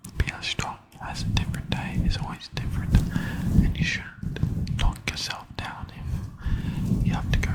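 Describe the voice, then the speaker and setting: A man whispering a gym ASMR voice-over right in the ear, breathy and close to a fluffy-covered mic, softly repeating words and phrases. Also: rough recording. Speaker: fitness vlogger.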